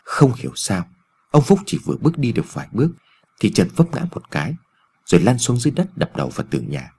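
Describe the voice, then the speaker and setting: A man narrating a ghost story in an expressive storytelling reading. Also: fairly low pitch, quick pace, breathy edge.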